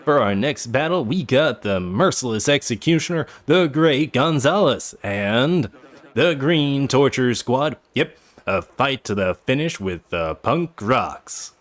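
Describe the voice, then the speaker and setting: A man's voice: expressive, natural voice. A man voicing a swaggering male ring announcer who stretches out his announcements. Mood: booming. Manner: drawn-out booming announcements.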